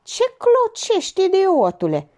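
Shrill bossy old mother, a woman voicing her, high and piercing, for an audiobook. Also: wildly swooping pitch, dark tone, heavily acted. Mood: scolding. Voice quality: shrill, shrieking. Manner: bossy, scolding.

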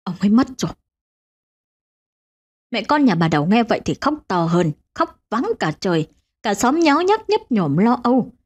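A woman narrating a ghost story for a channel, with expressive storytelling. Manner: expressive, swinging pitch.

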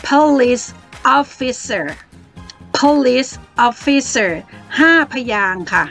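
A woman teaching English to children with a Thai accent, slowly sounding out words syllable by syllable in an encouraging way. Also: high-pitched, animated, a bit bright, soft background music.

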